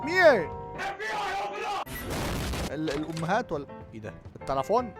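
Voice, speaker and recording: A man with an Egyptian Arabic accent giving jokey, excitable commentary on a horror game, yelping when startled. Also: high voice, rapid-fire. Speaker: gaming YouTuber. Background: game music.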